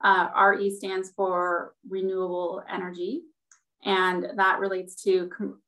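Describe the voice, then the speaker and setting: A woman's voice: on the low side, a little slow, poor audio. A woman, a city sustainability manager, giving a staff presentation in a public meeting, heard over a group video call and explaining her slides step by step. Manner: steady, explanatory, walks through slides.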